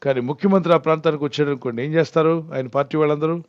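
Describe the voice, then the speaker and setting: A man's voice: fairly high pitch, fairly even intonation, racing, clean tone, dry recording, highs cut off. A man speaking as a pastor in a Bible question-and-answer talk, earnest and often putting questions to the listener before answering them. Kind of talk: Bible Q&A teaching.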